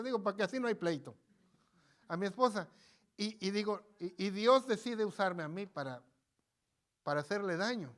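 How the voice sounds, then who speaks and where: Man, pastor, high voice, informal live sermon, folksy, repetitive, bantering, church. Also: fairly bright tone. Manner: folksy, repeats himself, banters with congregation. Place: church sanctuary.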